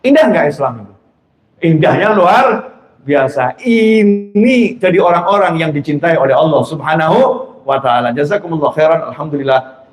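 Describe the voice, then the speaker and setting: A man preaching a sermon, telling stories and swinging between loud exclamations and soft asides. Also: on the high side, lively intonation, normal speed, roomy sound.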